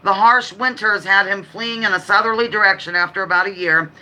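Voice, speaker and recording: Bright, fast-talking woman quiz host. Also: mid-range voice, steady tone, rough recording. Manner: chatty, rambling, apologetic asides between questions; talks quickly. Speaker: livestream host running a trivia quiz. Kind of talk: casual live chat with read-out quiz questions.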